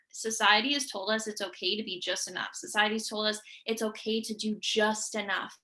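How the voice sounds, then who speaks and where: A woman's voice: medium pitch, sharp tone. A young woman giving an earnest, emphatic motivational talk to her sales team. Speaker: team leader.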